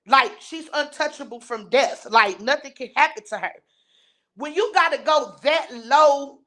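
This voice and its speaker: High, bright-voiced woman ranting. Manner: blunt, profane and scornful, answering chat, laughing in between. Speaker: livestream commentator reading viewer chat. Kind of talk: heated live-stream rant.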